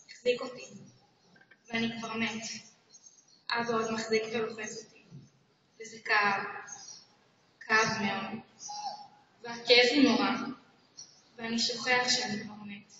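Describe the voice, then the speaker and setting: Woman reader, solemn measured recitation, bright voice, heard from far off in a hall. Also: a little high, steady tone, slight background noise. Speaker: ceremony reader. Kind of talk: dramatic recitation. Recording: dull, echoey hall from far off.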